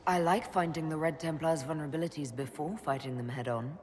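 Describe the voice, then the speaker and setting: An actress playing a young female elf mage leader in a game, calm and measured. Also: low voice, a little hiss or hum, close to an everyday voice. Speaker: player character leader.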